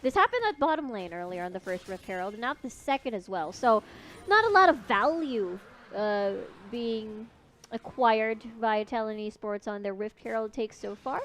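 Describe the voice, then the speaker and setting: A young woman casting a live esports match, giving relaxed analysis. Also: a little high, normal speed, a little hiss or hum. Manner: relaxed analysis, laughs easily. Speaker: esports caster.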